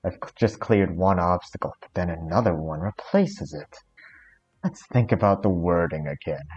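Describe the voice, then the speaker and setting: A man's voice: deep voice, very animated, normal speed, darkish tone, breathy edge, highs cut off, faint music behind, exaggerated voice. A man voicing an earnest, determined young anime protagonist who reasons aloud dramatically in an amateur visual novel role-play. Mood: determined, puzzling.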